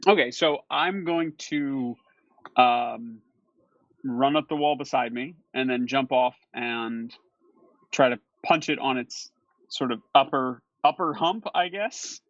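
A man's voice: medium pitch, takes it slowly, fairly bright tone, no room sound. A man playing a tabletop game, hesitant, with many fillers as he describes his moves. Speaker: player. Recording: dull lo-fi recording.

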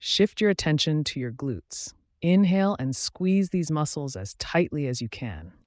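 A man guiding a relaxation meditation in a calm, soothing, measured way, giving instructions with pauses. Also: on the high side, dry recording, studio quality. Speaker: meditation guide. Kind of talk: guided relaxation meditation narration.

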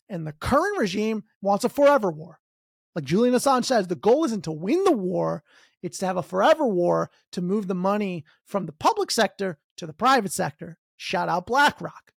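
A man hosting a podcast, delivering a sarcastic political comedy rant that swings between loud outbursts and low mutters. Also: vocal fry, breathy edge, dry recording, studio quality. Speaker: podcast host.

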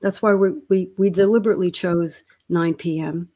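A woman's voice: fairly low pitch, fairly even intonation, normal speed, warm tone. A woman in her sixties, a therapist co-hosting a podcast, talking in a reflective, earnest way and searching for her words. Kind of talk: casual podcast chat.

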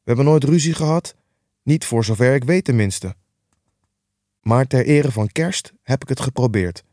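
A man's voice: mid-range voice, normal speed, mellow, dry recording, pitched above the performer's own voice, lightly acted. A man voicing a relentlessly cheerful young nephew in an audiobook reading, earnest, upbeat and pleading. The recording is dry and close.

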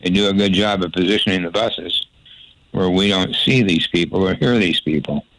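An older man with a notably deep voice spins long, folksy anecdotes about his broadcasting days. He rambles and restarts his sentences as he goes. The sound is dry and close. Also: normal speed, a bit bright, no echo, poor audio. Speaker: former sports radio broadcaster. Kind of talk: storytelling interview.

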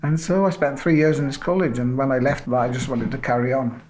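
A man's voice: mid-range voice, steady tone, brisk, over music. A man from South Wales, a sculptor, telling his story in a rambling, self-deprecating way with many "you know"s. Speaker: sculptor being interviewed. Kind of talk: relaxed interview storytelling.

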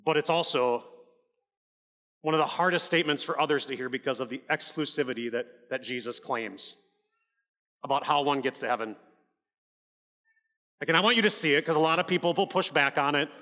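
Male pastor, conversational but emphatic sermon delivery, bright tone, long hall reverb. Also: fairly high pitch, brisk, long pauses. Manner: conversational, emphatic preaching with frequent "like" and restarts.

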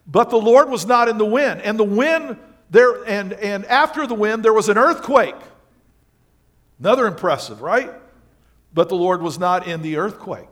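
A man preaching a sermon to a congregation, reading scripture aloud and commenting on it, moving between quiet asides and loud emphasis. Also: high voice, lively intonation, normal speed. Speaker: pastor. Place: church sanctuary.

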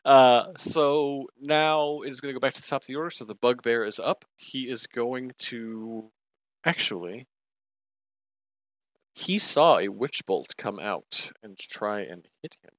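A man's voice: mid-range voice, measured pace, no room sound. Chatty male game master, dry sound. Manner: loose and chatty, many fillers. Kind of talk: narrating a tabletop game.

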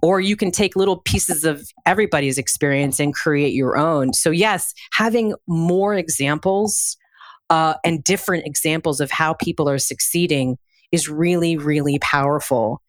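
A woman's voice: sits low, moderate pace, no echo. A woman speaking as an interview guest in a conversational, reflective way, explaining through examples and questions.

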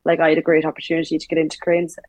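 A woman's voice: sits low, monotone, rapid-fire, darkish tone, no echo. A young woman with a west of Ireland accent, chatting informally as a guest in a casual interview. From Galway, west of Ireland. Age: young adult. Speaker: tower crane operator, interview guest.

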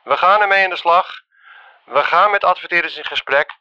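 A man's voice: sits high, pushed and bright, smooth. Een man die een gehaaste zakelijke voicemail inspreekt, afgespeeld via een telefoon. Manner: brisk business update, hurried. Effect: voicemail message played back from a phone. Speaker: colleague leaving a voicemail. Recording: muffled phone voicemail playback.

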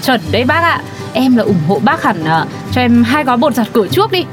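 A woman with a high, quick voice plays a cheerful, chatty neighbor in a comedy skit. She rattles along with easy friendliness. Faint music plays underneath. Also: sing-song.

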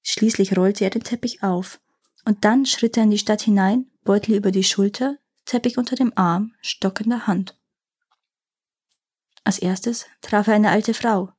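A woman reading a fairy tale aloud in a clear, measured storytelling manner. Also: medium pitch, steady tone, a little mellow.

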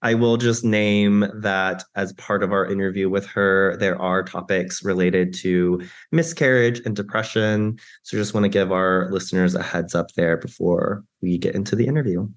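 A relaxed man hosting a podcast, with a lowish voice. He reads the guest's bio at an easy pace and drops in plenty of casual fillers. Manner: relaxed, filler-heavy, reads the intro a little slowly. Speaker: podcast host.

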